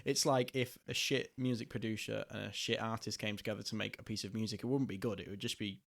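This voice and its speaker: A man's voice: on the low side, fairly even intonation, quick pace, vocal fry, a bit bright. A young man hosting a podcast, chatting casually, laughing often and rambling through asides. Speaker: podcast host.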